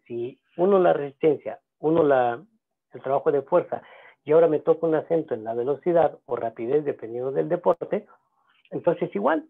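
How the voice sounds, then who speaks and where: A man teaching a seminar, talking in a halting way with many fillers and restarts. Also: on the high side. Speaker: seminar instructor. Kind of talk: lecturing at a seminar. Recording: gravelly voice on a tinny phone-like line.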